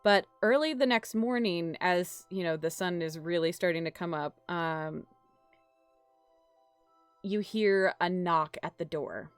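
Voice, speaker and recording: A woman's voice: on the low side, a little slow, clear, resonant tone, no echo, soft background music. A woman game master narrating a tabletop role-playing game, rambling with fillers and restarts. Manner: rambling, with many fillers and self-corrections.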